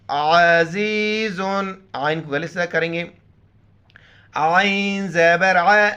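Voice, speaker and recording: A man teaching Quran reading, with slow drawn-out recitation and quick spoken explanations in between. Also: sits high, pushed and bright, clear, resonant tone. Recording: slightly dull lo-fi audio.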